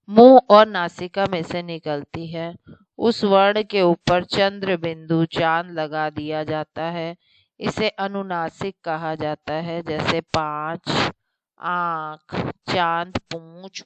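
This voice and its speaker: A woman teacher giving a recorded online lesson, explaining slowly step by step with examples and checking in with her students. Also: fairly low pitch, clean tone, no room sound, low-quality recording. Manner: addresses students directly, checks with "theek hai".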